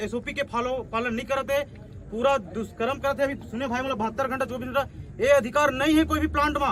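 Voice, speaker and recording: A man with a Chhattisgarhi accent giving a forceful protest speech outdoors as an activist coordinator, asking rhetorical questions and repeating his points. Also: very high-pitched, noisy background.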